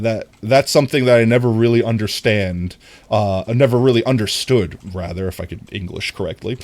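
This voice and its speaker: A man's voice: on the low side, a little mellow. A man streaming live and chatting casually with his viewers, rambling earnestly with lots of restarts and frequent laughter. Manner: laughs often between sentences.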